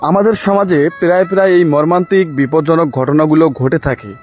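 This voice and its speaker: A man's voice: a little high, fast, darkish tone, dull audio. A man reading a solemn, moralizing closing message as the narrator. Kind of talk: scripted narration.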